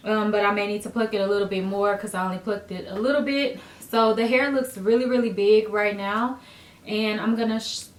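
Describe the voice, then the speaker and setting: A woman hair vlogger talking viewers through a wig tutorial in a chatty, relaxed way. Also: mid-range voice. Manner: chatty, relaxed, addresses viewers as dolls and guys. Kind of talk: casual tutorial talk to camera. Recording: roomy echo.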